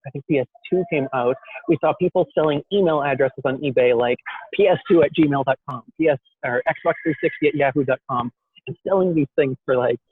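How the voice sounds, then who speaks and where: A man's voice: on the high side, husky, dry recording. A young man in an interview, telling his story in a rambling, self-deprecating way with many fillers and restarts. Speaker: guest entrepreneur. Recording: dry, tinny phone-like call audio.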